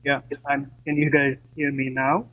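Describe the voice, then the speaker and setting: A man speaking into a meeting over a remote call whose audio keeps dropping out and fading. He is a consultant and talks haltingly, with frequent "uh"s. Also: medium pitch, flat delivery. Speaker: architecture firm principal, consultant. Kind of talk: remote remarks at a public meeting. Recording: dull lo-fi remote call line.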